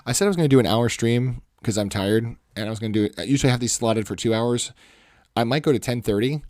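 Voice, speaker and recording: This art livestream host talks to viewers in a casual, rambling way as he draws, often correcting himself. His voice is medium-pitched, quick and darkish, with a commanding, salesman-like quality. The mic sits close to his face and the sound has no echo.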